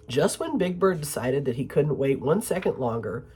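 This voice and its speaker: A woman's voice: low-pitched, slightly rough. A woman with a cold, coughing now and then, reading a children's storybook aloud with playful, chatty asides as a storytime host. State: sick, coughing.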